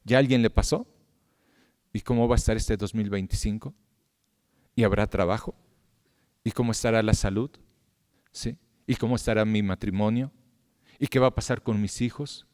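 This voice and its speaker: A middle-aged man preaching a sermon as pastor, swinging from loud, impassioned appeals to low, hushed words. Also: normal speed, long pauses. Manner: impassioned, rising loud at appeals then dropping to a low hush. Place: church hall. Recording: long hall reverb.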